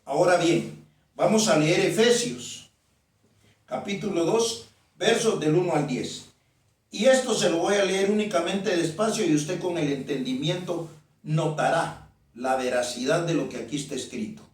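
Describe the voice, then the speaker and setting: High-voiced preacher in a very echoey room. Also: male voice. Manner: emphatic, repeats phrases, reads verses slowly. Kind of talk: sermon with scripture reading. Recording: very echoey, from far off the mic.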